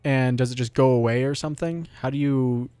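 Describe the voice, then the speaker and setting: A man's voice: mid-range voice, brisk, mellow, smooth, no room sound, soft background music. A young man with a sore throat, streaming and commenting casually on a game, rambling and cursing as he talks to himself and the game. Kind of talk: casual live gameplay commentary.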